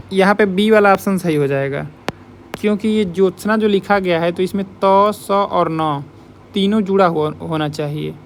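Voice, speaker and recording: A man's voice: fairly high pitch, creaky, a little hiss or hum. A man teaching as a Hindi exam tutor, walking through test questions step by step and repeating the points to remember. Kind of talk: exam question walkthrough lesson.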